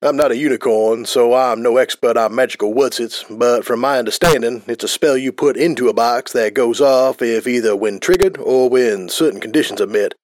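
A man's voice: mid-range voice, moderate pace, hardly any pauses, a little mellow, no room sound, lightly acted. A man voicing a chatty male pony soldier captain who explains things in an offhand, rambling way.

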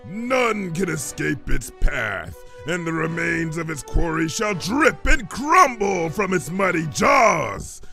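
A man voicing a monstrous alligator's guttural, doom-laden voice, proclaiming slowly and booming. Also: big pitch swings, creaky, bright, forceful tone, soft background music, heavily acted. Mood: ominous.

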